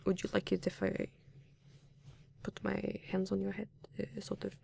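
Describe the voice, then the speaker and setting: A man voicing a reserved, formal and caring partner in a comfort roleplay, speaking softly with hesitant restarts and few contractions, at times in a whisper. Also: sits high, completely flat delivery, moderate pace, gravelly, breathy edge, dry recording, full character voice. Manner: soft-spoken, at times whispering. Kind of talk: comfort roleplay addressed to the listener.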